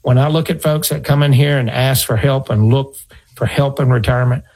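Speaking briskly in a mid-range, darkish voice with fairly even intonation, a fifty-something financial advisor and radio host gives conversational advice. He's earnest, tells stories, and goes over his points again.

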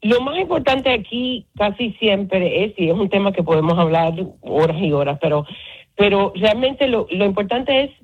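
A woman psychologist calmly explaining family relationships as a guest on a radio talk show. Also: mid-range voice, moderate pace, slightly rough. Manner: calm, explanatory, mixes in English words. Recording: phone line.

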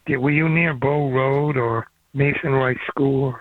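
An older man with a steady, medium-pitched voice, speaking a little slowly, calls in to a radio show from outdoors on an old flip phone. The recording is dry and tinny with no echo, and in this casual call-in chat he rambles and jumps from topic to topic.

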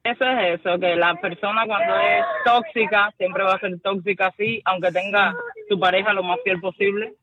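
A woman's voice: medium pitch, fairly even intonation, normal speed, narrow, tinny audio, over music. A woman calling in to a radio show, talking emphatically and repeating words for stress. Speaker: caller. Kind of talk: phone-in chat on a radio show.

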